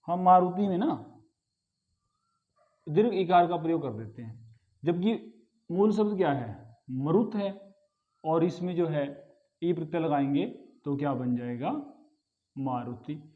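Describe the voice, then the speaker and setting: A man's voice: a little high, lively intonation, measured pace, pauses often, phone-quality sound. A man teaching a grammar lesson, patiently repeating key words and asking the class rhetorical questions. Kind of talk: explanatory lesson.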